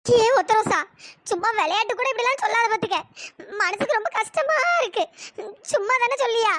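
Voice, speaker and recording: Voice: fairly quick, pushed and bright, no room sound, studio quality. A grumbling cartoon village woman. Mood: grieving. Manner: grumbling, scolding, talks to herself. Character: grumbling village woman, Chellathayakka, fussy, bossy neighbor. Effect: pitch-shifted up. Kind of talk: cartoon voice acting.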